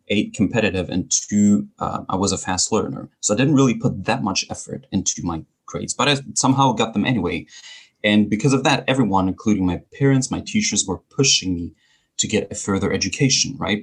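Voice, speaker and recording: In a conversational podcast interview, a speaking coach who is a native speaker of both Greek and German answers as the guest. His lowish voice is husky, and his manner is articulate and wry.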